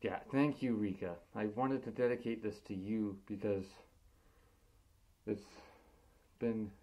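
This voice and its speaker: A man's voice: on the low side, fairly even intonation, measured pace, mellow. A young man in a casual vlog, muffled through a costume head, talking earnestly with stumbling restarts. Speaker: vlogger.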